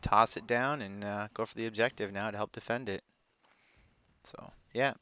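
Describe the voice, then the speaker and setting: A man's voice: lowish voice, steady tone, moderate pace, bright, forceful tone, clean tone, no room sound. A young man giving casual, rambling commentary over his own gameplay footage, full of fillers. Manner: laid-back, rambling, frequent fillers.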